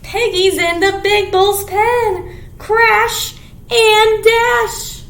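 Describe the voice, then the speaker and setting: This storytime reader at a library has a very high, fairly bright voice, keeping a steady tone and a very slow pace as she shares picture books and rhymes with young children. She's sing-song and exaggerated, with dramatic gasps and simple explanations. The recording has roomy echo and noticeable background noise.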